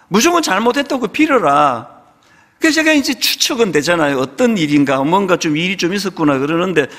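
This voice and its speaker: Animated man preaching in a reverberant church. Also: high voice. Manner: conversational, animated storytelling, acting out quoted dialogue. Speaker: pastor. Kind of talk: sermon with storytelling. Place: church sanctuary.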